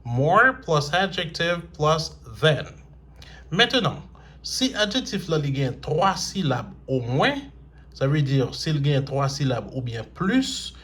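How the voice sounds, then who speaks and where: A man teaching English grammar in French. He spells out letters, repeats example words, and switches between English sentences and French explanations. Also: medium pitch. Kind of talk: recorded language lesson.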